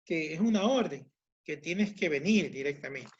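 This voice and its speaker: A male teacher with a notably high voice explains grammar patiently, going over each point again with simple examples. The recording is dull and lo-fi, with the top end muffled. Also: expressive, moderate pace. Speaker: language teacher. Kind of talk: online class lecture.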